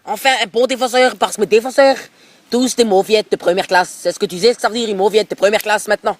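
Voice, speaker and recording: A man's voice: high-pitched, fairly even intonation, fast. A man doing a brash Alsatian football coach. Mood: pushy. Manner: pushy, rambling, repeats filler tags. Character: brash bigoted middle-aged male football coach, pushy. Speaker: prank caller. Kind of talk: prank phone call. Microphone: phone held close to mouth.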